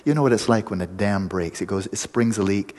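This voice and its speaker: A man giving a meditation talk to a group, explaining in vivid images with pauses and restarts. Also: on the low side, a little mellow, in a large hall. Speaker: meditation teacher. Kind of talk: dharma talk to a retreat group.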